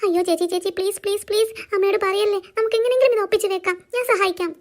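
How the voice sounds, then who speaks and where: A woman's voice: very high-pitched, fairly even intonation, rapid-fire. A whiny little cartoon girl. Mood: pleading. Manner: pleading, tearful. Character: whiny little girl, crybaby younger sister. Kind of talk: cartoon voice acting.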